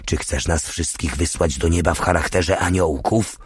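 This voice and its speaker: A man's voice: low-pitched, normal speed, husky, dry recording. A man voicing a grim whispering legionnaire. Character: battle-hardened male foreign legionnaire soldier, grim.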